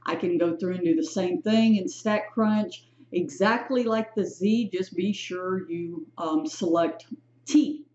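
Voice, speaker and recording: A woman's voice: on the low side, unhurried, mellow. A woman teaching a statistics lesson in a chatty, self-correcting way, often checking in with "right?" and "okay?". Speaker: statistics instructor. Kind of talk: recorded lecture walkthrough. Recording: echoey, dull lo-fi room sound.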